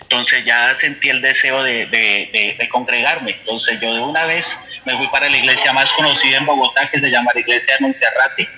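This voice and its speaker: A man with a Colombian accent tells his faith testimony in an earnest, storytelling way. His voice is strikingly bright and forceful, sitting at an ordinary middle pitch. He keeps voicing his own past thoughts as he goes. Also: steady tone, fairly quick, low-quality recording. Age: adult, with a son. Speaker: church member giving testimony.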